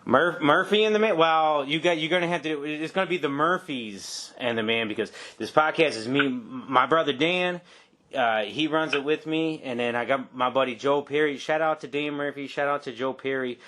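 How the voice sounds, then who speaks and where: A man in his forties hosts a podcast interview casually and warmly thanks his guest, often tacking "man" onto his sentences. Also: fairly high pitch, normal speed, a little hiss or hum. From Detroit area, United States. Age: 40s. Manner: casual, effusive, says man a lot. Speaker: podcast host.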